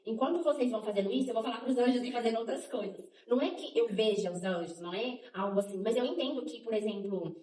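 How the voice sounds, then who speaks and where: Young woman co-host, rapid and slightly high, animated faith chat, recorded from a distance in an echoey room. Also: a little hiss or hum. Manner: animated, laughing often, restarts phrases. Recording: roomy, from some distance.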